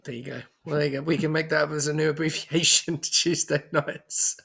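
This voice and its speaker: Bright-voiced New man hosting. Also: on the high side, little pitch movement, brisk, vocal fry, husky. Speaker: awards show host and race commentator. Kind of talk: casual online awards presenting.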